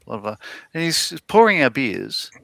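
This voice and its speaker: A man's voice: medium pitch, big pitch swings, normal speed, vocal fry, a bit bright, no room sound. A middle-aged Australian man co-hosting a livestream, chatting casually and telling rambling stories with lots of fillers and restarts. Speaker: livestream co-host. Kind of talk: casual chat.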